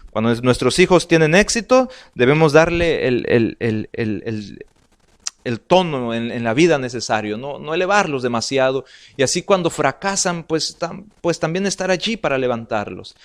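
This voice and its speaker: A man with a Salvadoran Spanish accent giving an earnest family life sermon, reading slides aloud and repeating words as he goes. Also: mid-range voice. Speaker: pastor.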